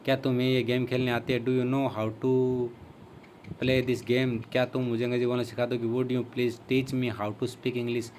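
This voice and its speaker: A man with an Indian accent teaching spoken English. He reads a Hindi sentence quickly, then gives the English translation slowly and deliberately. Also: medium pitch, monotone, a little mellow, a little hiss or hum.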